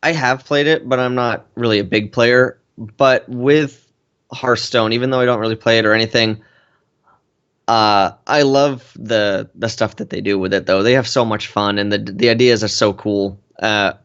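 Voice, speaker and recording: A man's voice: lowish voice, steady tone, normal speed, a bit bright, clear, resonant tone. A man appearing as a guest on a gaming podcast, chatting casually and with enthusiasm, using some filler words. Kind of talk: casual chat. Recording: muffled lo-fi audio.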